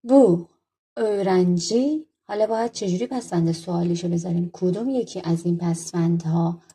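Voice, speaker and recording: A woman's voice: fairly low pitch, warm tone, a little hiss or hum. A woman teaching a language lesson, working patiently through textbook exercises, asking questions and answering them herself. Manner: patient, asks questions then answers them, slow over example phrases.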